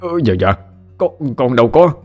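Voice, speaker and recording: A man voicing a rough-tongued middle-aged father who stammers excitedly. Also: medium pitch, moderate pace, long reverb tail, soft background music, pitched above the performer's own voice, lightly acted. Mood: flustered.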